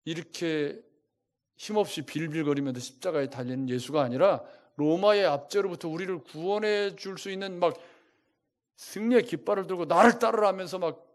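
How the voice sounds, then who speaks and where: Male pastor, slightly high voice, preaching a sermon that keeps asking the congregation questions, lively, shifts loudness for emphasis. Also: moderate pace. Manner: asks the congregation many rhetorical questions.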